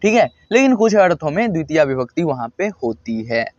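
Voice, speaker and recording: A man's voice: on the high side, sing-song, fairly quick, dry recording. A man teaching Sanskrit grammar to students, patient and repetitive, often checking in with his listeners. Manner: patient, repeats points, frequent "thik hai" check-ins. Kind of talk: explaining lesson to students. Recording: dull lo-fi dry sound.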